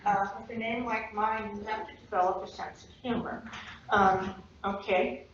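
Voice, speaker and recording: A woman asking questions during public comment at a school board meeting, deliberate and a little wry. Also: mid-range voice, fairly even intonation. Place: echoey public meeting room. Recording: echoey, dull meeting-room audio with faint room noise.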